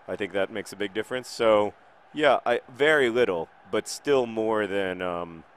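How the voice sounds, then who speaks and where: A man hosting a casual gaming video, answering viewer questions in a rambling, self-deprecating way while now and then shouting at the match he is playing. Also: deep voice, a little hiss or hum. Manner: rambling, self-deprecating, dry jokes, sudden shouts at the game.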